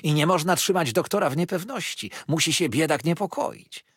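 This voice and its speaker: A man's voice: fairly high pitch, animated, normal speed, a bit bright, husky, dry recording, studio quality, voice pushed up. A man voicing a talkative, pushy old mother-in-law in an audiobook, gushing and insistent.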